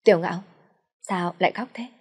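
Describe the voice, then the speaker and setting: Woman doing a hurt young wife, soft weak voice, lowish pitch. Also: fairly quick, husky.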